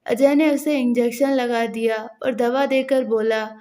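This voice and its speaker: A woman's voice: fairly high pitch, steady tone, measured pace, dark tone. A woman reading a dramatic family story aloud as a storyteller, voicing the characters in her own voice with little change. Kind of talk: scripted story narration.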